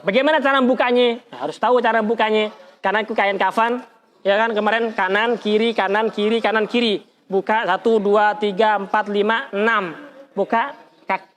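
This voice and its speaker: High-pitched ustadz, teaching a lesson, super animated, keeps asking the room questions. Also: male voice. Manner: animated, colloquial, demonstrating with gestures, asks the audience questions; frequent pitch jumps and exclamations. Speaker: religious teacher. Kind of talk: lively Islamic study lesson with demonstration.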